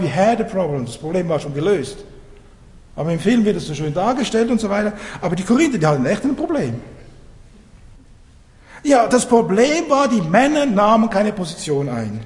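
Lively high-voiced preacher in a reverberant hall. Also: male voice. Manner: lively, conversational, asks the congregation questions. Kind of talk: sermon.

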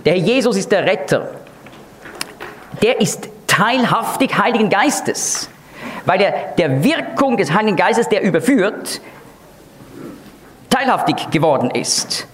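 Male Bible teacher, lively and emphatic, slightly high voice, faint noise behind. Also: measured pace, long pauses. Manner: emphatic, explanatory, with sudden rises on key words.

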